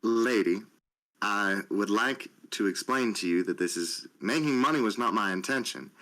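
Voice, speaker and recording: A man playing a cocky, deep-voiced street saxophonist. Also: moderate pace, sharp tone. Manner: glib, unbothered.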